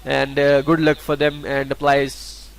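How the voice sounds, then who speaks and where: Speaking over a screen recording, a male YouTuber from Pakistan explains scholarships; Urdu is his first language. His medium-pitched voice is monotone and creaky but cleanly captured, and he hesitates often, restarting and filling pauses.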